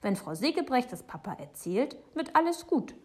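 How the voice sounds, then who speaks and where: Female audiobook narrator, intimate hushed storytelling. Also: fairly high pitch, very animated, normal speed, breathy edge. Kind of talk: children's book narration.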